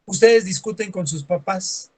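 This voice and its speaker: A man's voice: high-pitched, unhurried. A man teaching a lesson, acting out everyday scenes in quoted voices and adding sarcastic asides. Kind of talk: classroom lecture.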